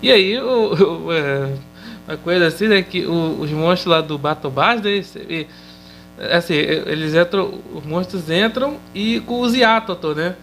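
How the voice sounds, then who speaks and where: High-voiced Brazilian man recapping casually. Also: measured pace, fairly bright tone, soft background music, poor audio. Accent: Brazilian Portuguese. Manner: loose and chatty, tags sentences with questioning fillers. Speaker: episode reviewer.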